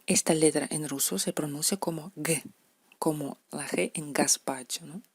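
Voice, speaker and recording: Woman teacher, low and husky, patient repeater of example words. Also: fairly even intonation, normal speed, no room sound. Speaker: language teacher. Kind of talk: explaining letter pronunciation to beginners.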